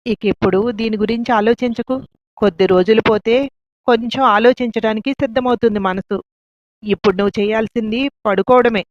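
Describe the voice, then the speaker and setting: A woman's voice: a little high, fairly even intonation, a little fast, no room sound, natural voice. A woman voicing a caring but bossy elder sister who scolds and soothes. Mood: soothing. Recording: dull lo-fi, dry.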